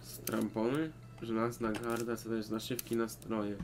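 A man's voice: fairly low pitch, level tone, unhurried, background noise. A young Polish man giving casual, sweary commentary while he plays a video game. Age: young adult. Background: game music.

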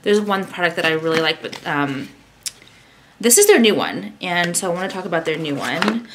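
Speaking at a normal speed with big swings in pitch, this vlogger's fairly bright voice sits on the low side. She's a woman in her thirties chatting and rambling self-deprecatingly in her bedroom as she shows off a skincare product to a camera at arm's length. The low-quality recording carries a little hiss or hum.

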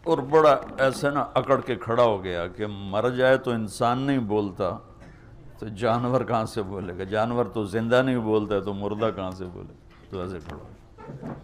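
A man preaching an emotional sermon, telling stories with passion and stretching his phrases slowly at key moments. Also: lowish voice, slight background noise. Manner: impassioned storytelling, drawn-out pleading phrases.

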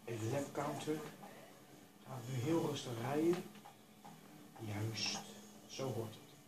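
A man giving casual commentary over his own racing game, talking to himself and urging himself to stay calm. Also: mid-range voice, slow pace, roomy sound, background noise. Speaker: gaming YouTuber.

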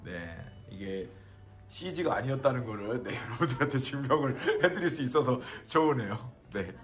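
A man hosting a casual vlog, slowly walking through a display of his own builds and admiring them, with many filler words. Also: mid-range voice, expressive, fairly bright tone. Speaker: model builder and channel host. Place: indoor exhibition cafe.

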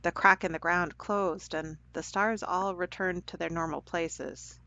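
A woman with a low voice reads a children's story aloud, gentle and caring. The recording is dull and lo-fi, and it sounds close and dry. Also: steady tone, a little slow, no echo. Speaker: storyteller for a church program.

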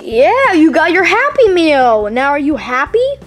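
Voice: high voice, big pitch swings, a little slow, fairly bright tone, faint music behind, full character voice. A young performer voicing an exasperated, bossy rabbit animatronic plush in a homemade puppet video. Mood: impatient.

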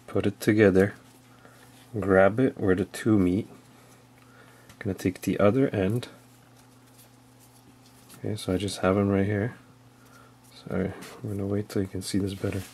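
Low-voiced man explaining knots step by step. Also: steady tone, measured pace, pauses often, darkish tone, breathy edge. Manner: plain, step-by-step explaining with fillers. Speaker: outdoor skills instructor. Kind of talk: casual how-to demonstration.

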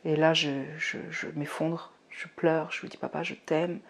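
A young adult woman giving a personal faith testimony, emotional, swinging between hushed and fervent. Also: low-pitched, flat delivery, normal speed.

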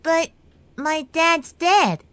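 A woman's voice: extremely high pitch, lively intonation, very slow, fairly bright tone, no room sound, heavily acted. A woman voicing an earnest, nerdy young boy in a parody cartoon dub, polite and inquisitive.

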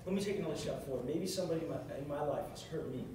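With a crowd audible in the background, a young man gives a short, earnest sermon very fast in a high-leaning voice, repeating phrases for emphasis. He's at a music stand on the stage of a large carpeted hall, recorded by a camera far across the room, echoey and noisy.

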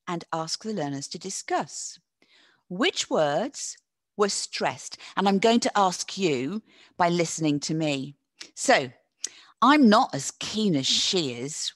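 A woman's voice: on the low side, no echo. A woman presenting a live online teacher-training webinar, encouraging her audience and praising their chat answers with a teacherly delivery that draws out stressed words.

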